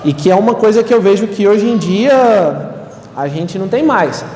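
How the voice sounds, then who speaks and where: A man's voice: high-pitched, expressive, normal speed, a little mellow. A young Brazilian man, a seminarian, gives a conversational lecture to a live audience, often tagging his sentences with "né?". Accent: Brazilian Portuguese. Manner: conversational, frequent "né?" tags. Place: lecture hall. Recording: echoey hall, distant mic, faint room noise.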